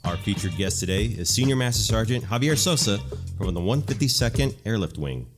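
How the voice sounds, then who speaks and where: A man's voice: lowish voice, lively intonation, brisk. A man reading a scripted introduction as the announcer of a military leadership show. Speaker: announcer, military master sergeant. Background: guitar music.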